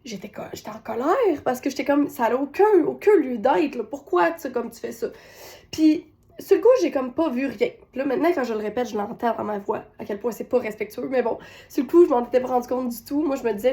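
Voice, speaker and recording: A woman's voice: fairly high pitch, quick pace, warm tone. A woman with a Québécois accent telling a personal parenting story, retelling scenes with quoted voices. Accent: Québécois French. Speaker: parenting coach.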